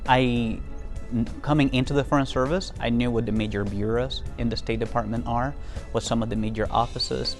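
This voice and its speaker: A man's voice: medium pitch, vocal fry. A young man from Venezuela giving an interview about his work as a diplomat, talking earnestly with many fillers and restarts. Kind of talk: casual interview talk.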